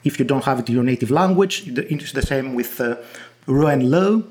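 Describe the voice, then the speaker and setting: A Greek-accented man from Greece speaks in a mid-range, slightly mellow voice with a breathy edge at normal speed. He's a guest researcher being interviewed, and his explanations are hesitant, full of restarts and fillers.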